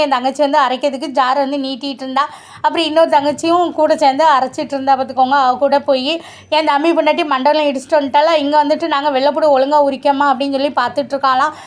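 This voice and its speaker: A woman's voice: high-pitched, fairly even intonation, very fast. A woman, chatting to her viewers in a casual family vlog. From Tirunelveli region, Tamil Nadu. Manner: chatty, addresses viewers directly. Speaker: vlogger.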